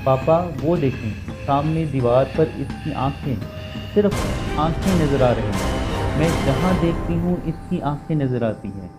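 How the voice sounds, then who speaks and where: A man's voice: on the high side, expressive, close to an everyday voice. A man voicing a frightened young daughter. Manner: fearful, pleading. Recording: music bed under voice.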